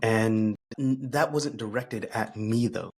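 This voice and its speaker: Low-ish guy being interviewed, thoughtful, pauses a lot, laughs a bit. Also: a little mellow, breathy edge. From United States. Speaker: guest. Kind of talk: reflective podcast conversation.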